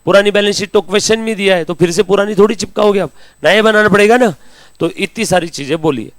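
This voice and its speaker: A chatty, teasing male teacher addresses a live class, slipping into speech. His voice sits a little high for a man. The recording is dry and close, little room sound. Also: fast, dry recording. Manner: chatty, teasing, calls students beta and munna. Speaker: accounting teacher.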